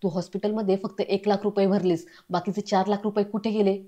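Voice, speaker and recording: A woman's voice: medium pitch, little pitch movement, quick pace, warm tone, highs cut off, lightly acted. Furious young man, read out by a woman. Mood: angry. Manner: accusing, heated. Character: angry young man demanding his money back.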